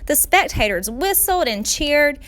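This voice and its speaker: A high-pitched woman's voice reads a children's storybook as a teacher would, with theatrical, expressive and slow, careful phrasing aimed at young listeners.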